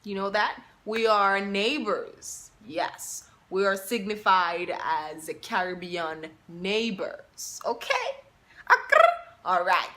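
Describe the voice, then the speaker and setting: Slow-talking Jamaican woman vlogger. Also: mid-range voice, sharp tone. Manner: chatty, repeats herself, asks viewers questions. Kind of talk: casual talk to camera.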